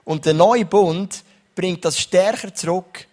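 A man's voice: high-pitched, takes it slowly. A young man preaching a sermon as pastor, reading Bible verses and often turning to his listeners with a questioning "oder?". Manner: lively preaching, reads Bible verses, asks the crowd "oder?".

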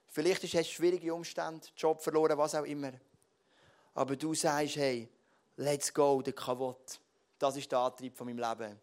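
A middle-aged man with a Swiss German accent, preaching a sermon as pastor, swinging between loud emphatic lines and quiet ones. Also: fairly high pitch.

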